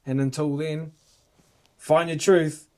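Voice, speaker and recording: A man's voice: fairly high pitch, fairly even intonation, slow pace, darkish tone. Laid-back Kiwi man in casual chat.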